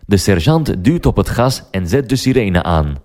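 A man narrating a story for language learners, slow and deliberate. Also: lowish voice, big pitch swings, darkish tone.

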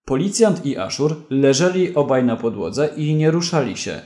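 A man narrating a story in a slow, deliberate, clear reading. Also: mid-range voice, expressive, a little mellow, reverberant.

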